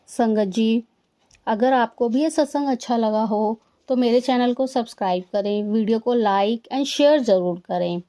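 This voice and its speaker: A woman's voice: a little high, mellow. A woman host politely thanking the guest and closing a devotional video with a formal sign-off. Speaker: channel host. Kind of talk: closing announcement.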